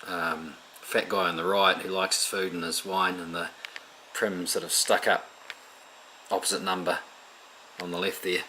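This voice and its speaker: A man, an illustrator, chatting in a relaxed way about his own artwork with frequent ums, recorded as a close voice-over. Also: low-pitched, normal speed, long pauses, a little hiss or hum, poor audio. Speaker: picture book illustrator.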